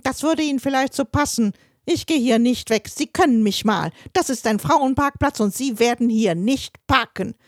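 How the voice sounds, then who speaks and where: A woman voicing a stubborn middle-aged woman who blocks a parking space, scolding loudly and indignantly. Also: on the high side, lively intonation, normal speed, few pauses, no echo, clean studio sound, natural voice.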